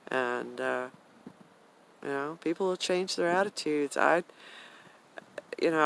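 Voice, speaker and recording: Older American male, medium pitch. Blunt, emphatic outdoor vlogger with drawn-out pauses, faint wind noise behind. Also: vocal fry, fairly bright tone, poor audio. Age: 60s or older. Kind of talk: rambling personal vlog talk. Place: outdoors in a garden swing in the wind. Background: wind and outdoor ambience.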